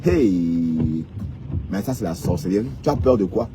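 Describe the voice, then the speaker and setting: Over music, a Cameroonian man with a Cameroonian French accent rants at and teases his viewers during a casual live stream. His low voice is expressive and a bit slow, and his mocking remarks keep ending in "hein".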